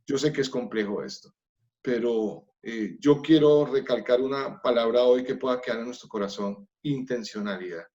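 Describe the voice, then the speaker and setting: Earnest Colombian pastor, lo-fi sound. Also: male voice, mid-range voice, normal speed, a little mellow. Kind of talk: church family workshop talk.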